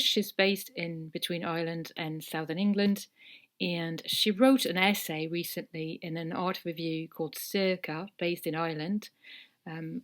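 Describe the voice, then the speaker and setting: Woman co-host, somewhat low pitch, enthusiastic presenter. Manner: enthusiastic, explanatory. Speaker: podcast co-host and interviewer. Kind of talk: podcast presenting.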